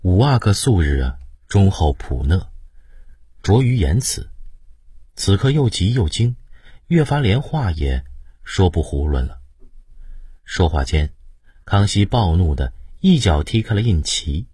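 A middle-aged man narrates a historical novel in a very low, breathy-husky voice. He tells it slowly and dramatically, his pitch sweeping widely. The recording is close and dry. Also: dry recording. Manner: expressive storytelling with sweeping pitch. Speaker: audiobook narrator.

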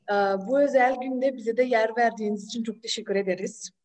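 Fairly high-voiced teenage girl reciting. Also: darkish tone. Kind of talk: formal greeting and poem recital. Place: small room, indoors. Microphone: video call.

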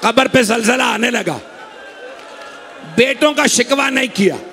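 A man's voice: very high-pitched, measured pace, pushed and bright, some chatter behind. A man reciting a Muharram majlis, impassioned and pleading with the gathering. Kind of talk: emotional Muharram majlis sermon. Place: imambargah gathering.

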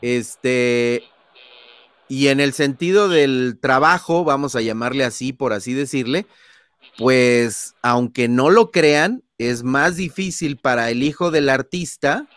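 Speaking slowly in a mid-range, fairly bright voice, this Mexican-accented man is an interview guest whose father is a famous singer. The studio-quality recording has no room sound. His anecdotes are casual, with scenes acted out through sound effects and plenty of tag questions and fillers.

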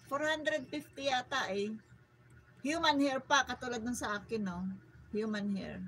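A woman's voice: high voice, measured pace, a bit bright, poor audio. A middle-aged Filipino woman hosting a live stream, chatting playfully with viewers, laughing often and mixing Tagalog and English. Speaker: livestream host. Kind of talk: live stream chat reading viewer comments.

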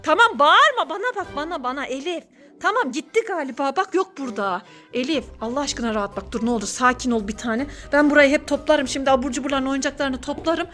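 A woman's voice: sits high, fast, a bit bright, soft background music. A woman acting as a mother in a staged family skit at home, gasping and scolding as she talks to her child. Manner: exclamatory and scolding, with gasps.

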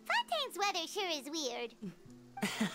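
A woman voicing a tiny, chirpy female fairy companion in a game, with a high, bouncy, expressive voice. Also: slow, full character voice. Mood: puzzled. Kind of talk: game voice acting. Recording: game audio under loud music.

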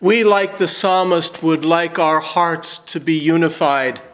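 A man in his sixties, a pastor, reading scripture and praying in a slow, measured, emphatic way in a church sanctuary. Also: fairly high pitch, steady tone, fairly bright tone.

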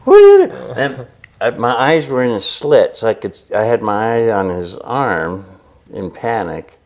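A man's voice: medium pitch, very animated, measured pace, darkish tone. An older man, a missionary who grew up in Chile, telling his story in a casual interview and acting out his own reactions with laughs. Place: indoor workshop with a pegboard wall. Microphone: lapel mic.

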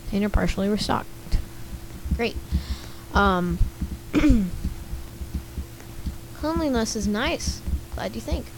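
This young woman gaming YouTuber speaks slowly with a mid-range, animated voice that's slightly scratchy and has vocal fry, pausing often. Chatty and giggly, she comments casually on gameplay and reads the game chat aloud, reacting as she goes.

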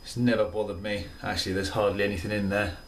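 A tired man in his thirties reviews beer in his small home kitchen, rambling fast and with casual enthusiasm in a lowish, level voice. A camera mic a few steps away records him from a distance, leaving roomy, off-mic sound with slight background noise.

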